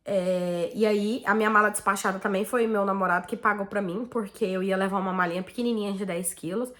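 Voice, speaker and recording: A Brazilian woman vlogger with a Brazilian Portuguese accent tells her viewers a personal story, chatting casually and animatedly and peppering her speech with "tipo assim" and "né." Her voice is mid-range and brisk.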